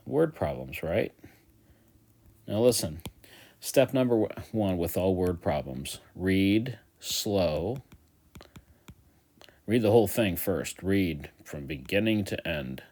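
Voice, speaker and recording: A man teaching a recorded math review lesson, chatty and joking, repeating each step slowly. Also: deep voice, darkish tone. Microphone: tablet voice-over of a whiteboard.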